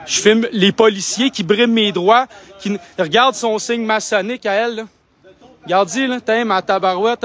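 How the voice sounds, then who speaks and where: A young Québécois man with a high-pitched voice argues in an insistent, indignant tone. He speaks into a handheld phone while livestreaming outdoors. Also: a bit bright. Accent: Québécois French. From Quebec. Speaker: independent livestreamer. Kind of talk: live street vlog. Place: outdoors outside a building.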